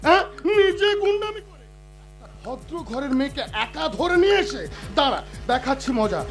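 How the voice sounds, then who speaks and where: An actor playing a brutal, crude thug in a folk stage play, shouting and hurling abuse. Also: male voice, extremely high pitch, big pitch swings, moderate pace, full character voice. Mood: sneering. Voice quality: shouting, coarse and abusive. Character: brutal, crude male thug chasing a woman. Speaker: villain. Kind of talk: jatra stage acting. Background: stage music.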